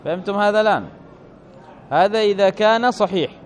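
A man teaching an Arabic grammar lesson to a class, asking questions and stretching out his examples. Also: high-pitched. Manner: questioning, drawn-out stresses on examples.

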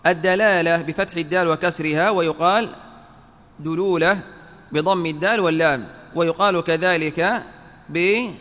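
With a sharp voice on the high side and a moderate pace, a male Islamic teacher reads quotes from a classical text and then explains them. He takes care to spell out how every word is vowelled during the religious lesson, and the hall gives a long reverb.

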